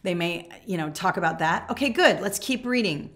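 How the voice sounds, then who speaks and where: Expressive and on the low side, speaking at a normal speed, the forties-aged American teacher and trainer models a classroom lesson. She teaches in an emphatic, conversational way and keeps checking in with her listener, all from a small furnished room.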